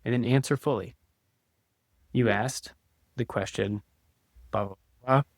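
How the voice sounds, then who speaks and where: Calm man teaching couples advice, dry sound. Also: mid-range voice, measured pace, no echo. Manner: calm, instructive, acts out example replies. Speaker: couples counselor. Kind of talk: direct-to-camera teaching video.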